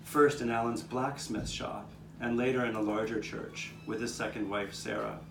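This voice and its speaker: With a medium-pitched, creaky voice at normal speed, a man lightly acts an earnest 1800s Philadelphian recalling his neighbors' struggles, his tone steady throughout. He's the narrator of a puppet show giving scripted first-person historical storytelling live in an outdoor courtyard. The mic sits far off, so the sound is roomy and noisy.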